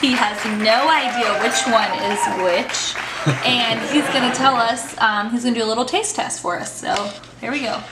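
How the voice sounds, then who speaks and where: A woman's voice: fairly high pitch, moderate pace. Upbeat woman hosting a home cooking vlog. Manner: chatty and upbeat, talks to camera. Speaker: cooking show host. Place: home kitchen. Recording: echoey kitchen, noisy background.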